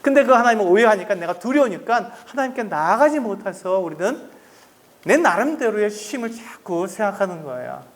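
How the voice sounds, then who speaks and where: A man's voice: high voice, sing-song, fairly quick. A male pastor preaching a sermon at a church family camp, earnest and pleading, acting out the voices he quotes.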